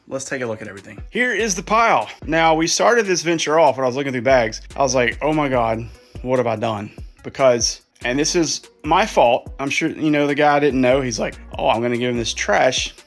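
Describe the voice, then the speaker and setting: Here the resale vlogger's voice is mid-range and somewhat bright. He chats his way through a stack of clothes for resale, slightly out of breath, musing aloud as he sorts in easygoing vlog commentary.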